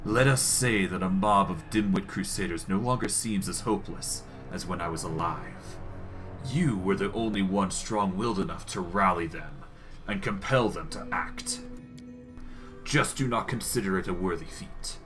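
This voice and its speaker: A man's voice: deep voice, over music, lightly acted. A man voicing a proud, scornful old undead lich from a game, with a dry voice and pompous, formal delivery. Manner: pompous, slow-burning disdain, formal diction. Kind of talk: acted reading of video game dialogue.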